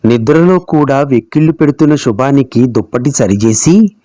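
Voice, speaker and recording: A man narrating a family story in a steady, measured storytelling voice. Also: mid-range voice, no room sound, studio quality.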